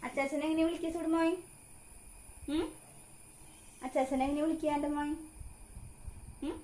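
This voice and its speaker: A mother with a Kerala Malayalam accent, talking in a home vlog. She coaxes her young son in a sing-song voice and calmly explains things to the viewers. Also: high voice, normal speed, a little hiss or hum. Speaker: mother of the vlog's child. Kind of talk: casual home vlog talk with her child.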